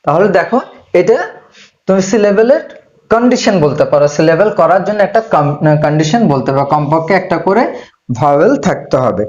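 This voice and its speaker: A man's voice: high-pitched, darkish tone. A man teaching an English grammar lesson to beginners, patiently repeating key points and speaking directly to the student. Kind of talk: classroom-style lesson explanation. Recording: echoey room, dull lo-fi sound.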